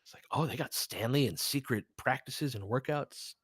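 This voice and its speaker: In this dry recording, the man speaks at a moderate pace in a medium pitch, a bit bright with a breathy edge. He's a sports podcast host doing casual live basketball commentary on a stream, thinking aloud and replying to chat.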